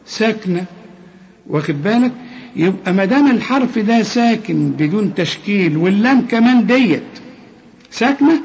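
A man's voice: high voice, darkish tone, slight background noise. A man with an Egyptian accent teaching Quran recitation rules, correcting each sound and quizzing the listener. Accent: Egyptian Arabic. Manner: corrective, repeats sounds and asks the listener questions. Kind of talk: tajweed lesson with recited examples. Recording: dull lo-fi sound with long reverb.

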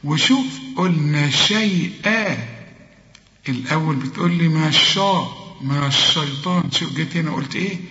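An Egyptian man gives a recitation lesson in a somewhat high voice. He draws each word out slowly, then explains and corrects it. The room is echoey with a long reverb tail, and the recording sounds dull and lo-fi. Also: heavy background noise. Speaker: Quran recitation teacher. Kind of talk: tajweed lesson.

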